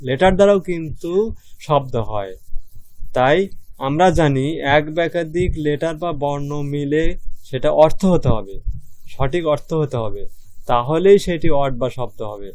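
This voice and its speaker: A man with a Bangladeshi Bengali accent teaching an online English grammar lesson, patiently repeating definitions and slowly breaking words into syllables. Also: a little high, a little mellow.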